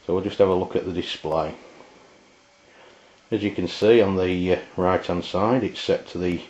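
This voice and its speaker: A deep-voiced English man reviews a product in an unscripted, informal hands-on demonstration, speaking haltingly and hesitantly with pauses mid-sentence. His voice is a little mellow with fairly even intonation, recorded on a camera with roomy, dull lo-fi sound.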